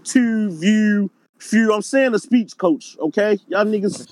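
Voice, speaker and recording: A man's voice: high voice, takes it slowly, a little mellow, no room sound. A man with a Baltimore accent talking casually and emphatically in slang during a group discussion. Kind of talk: casual group discussion of a battle rap event.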